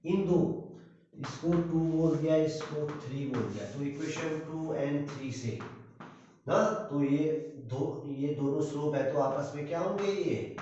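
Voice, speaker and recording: A man's voice: a little high, background noise. A man teaching a maths lesson, who keeps asking rhetorical questions and repeating that his students should pay attention. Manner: asks rhetorical questions, repeats "dhyan dena"; slow, drawn-out explaining. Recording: echoey room, distant dull mic.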